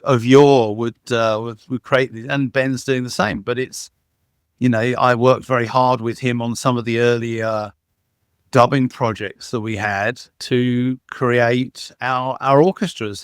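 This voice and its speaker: In a casual interview, the guest, a sound engineer and dubbing supervisor, speaks with a smooth, middling-pitched voice, telling stories eagerly in a rambling way with lots of false starts and fillers. The sound is close and dry, with no echo or room sound.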